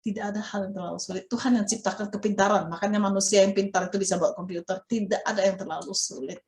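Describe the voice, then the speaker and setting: A woman teaching Sunday school, telling a Bible story to children in an animated way and asking them questions. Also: mid-range voice, fast, roomy sound. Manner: animated, asks children questions, dramatic exclamations.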